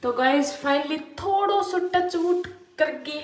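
A woman's voice: high voice, takes it slowly, faint music behind. Chatty young woman with a Rajasthani accent. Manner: chatty and playful, teasing. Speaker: vlogger. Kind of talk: casual vlog chatter. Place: in a car. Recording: roomy sound with faint background noise.

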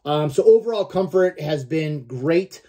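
A man's voice: on the high side, lively intonation, unhurried, warm tone. A man in his forties giving a casual product review to camera, informal and a little salty, often checking in with "okay?". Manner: informal, mildly profane, frequent "okay?" check-ins. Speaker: gear reviewer. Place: small room at home, indoors.

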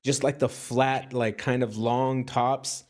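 A man's voice: mid-range voice, slow. A man co-hosting a podcast, chatting casually and telling a travel story full of fillers. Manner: animated storyteller, many fillers and trailing phrases. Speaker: podcast co-host. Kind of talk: casual chat.

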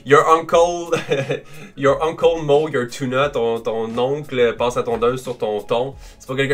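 Bright-voiced Québécois man reacting. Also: medium pitch. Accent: Québécois French. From Quebec. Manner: chatty, laughs often, explains language quirks. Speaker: reaction video host. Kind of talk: casual reaction commentary.

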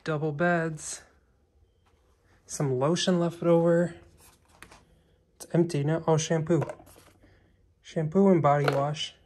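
A man talks in a low-key, offhand way while walking through abandoned rooms. His voice comes through a handheld phone camera. He names the objects he finds as he goes. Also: darkish tone. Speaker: urban explorer. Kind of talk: quiet handheld exploration vlog commentary.

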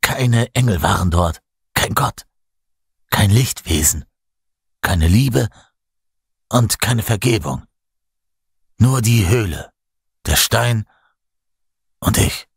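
A man voicing a weak man risen from the dead, with a gurgling, rattling voice and halting speech. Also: on the low side, lively intonation, vocal fry, breathy edge, dry recording, studio quality, full character voice. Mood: grim.

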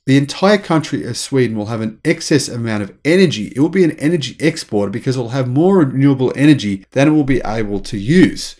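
A man, hosting an energetic news commentary in a small room at home and gesturing with his hands. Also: medium pitch. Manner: enthusiastic, animated, gestures with hands. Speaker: channel host.

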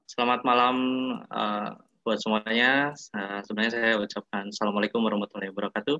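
A man in his late twenties, a guest sysadmin, talking politely and relaxed in a casual interview. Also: on the low side, brisk, dry recording. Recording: dull lo-fi dry mic.

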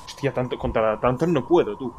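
A man's voice: medium pitch, brisk. A man with a Spain Spanish accent streaming a horror game live, talking to himself, swearing and startling easily. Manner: jumpy, swears often, talks to himself while playing. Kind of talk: live gameplay commentary. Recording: loud background noise.

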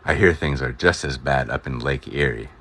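A man's voice: very deep voice, moderate pace, a bit bright, voice pushed down. A man voicing a grumpy small male forest creature, scolding and indignant in a storybook reading.

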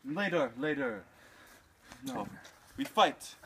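A man's voice: high voice, very animated, takes it slowly, vocal fry, sharp tone, exaggerated voice. A young man playing Hamlet as a hot-headed dueling prince in an amateur Shakespeare performance. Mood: combative. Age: young adult. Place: outdoors in a residential backyard. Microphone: camera a few meters away. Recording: noisy outdoor camera microphone.

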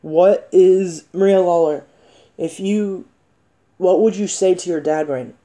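Very dark-voiced man, halting questioner. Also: high-pitched, steady tone. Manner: halting, repetitive, insistent questioning. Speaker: spirit box session host. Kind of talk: casual questioning of spirits. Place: indoor room with wooden floor.

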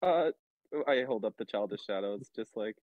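A man's voice: lowish voice, animated, moderate pace, no room sound. A man playing in a casual tabletop roleplay over an online voice call, speaking hesitantly with a lot of stammering. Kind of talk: casual improvised roleplay chat. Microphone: online group voice call. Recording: tinny, band-limited voice-chat audio.

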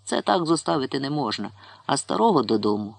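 A man's voice: sing-song, fairly quick, gravelly, no room sound. A man doing a pompous village medic. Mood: grave. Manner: grave, pompous, lowered voice. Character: self-important village medic.

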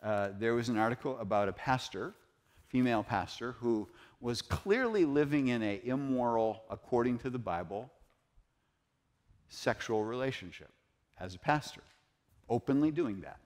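A man's voice: mid-range voice, expressive, moderate pace. Male pastor, earnest sermon delivery, quotes scripture. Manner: earnest preaching, quotes scripture, rises in emphasis. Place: church sanctuary.

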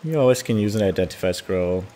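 A man's voice: on the low side, animated, fast, mellow, a little hiss or hum. A man giving casual gameplay commentary, thinking aloud in a hesitant way with fillers. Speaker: gamer.

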